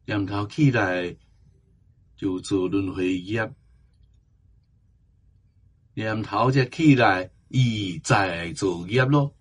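A man giving a Buddhist Dharma talk, slow and emphatic, drawing out the ends of his phrases. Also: fairly low pitch, husky. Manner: slow, emphatic exhortation with drawn-out endings. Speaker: Buddhist teacher.

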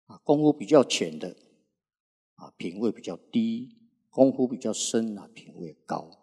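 A Buddhist monk in his sixties delivers a sermon at an unhurried pace, filling the gaps between phrases with long, drawn-out "ah" sounds. His low, gravelly, husky voice sounds animated and warm, and a long reverb suggests a large hall.

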